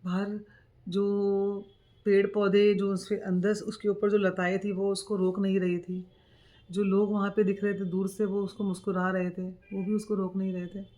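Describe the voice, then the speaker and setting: A woman's voice: medium pitch, level tone, normal speed, mellow. A young adult woman vlogger narrating a spiritual story in an informal, conversational way.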